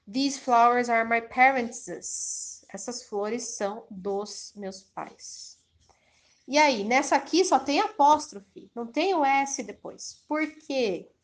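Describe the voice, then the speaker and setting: A woman teaching an English grammar lesson, reading example sentences slowly and then explaining them quickly. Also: sits high, animated. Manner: switches between slow careful English examples and quick explanations.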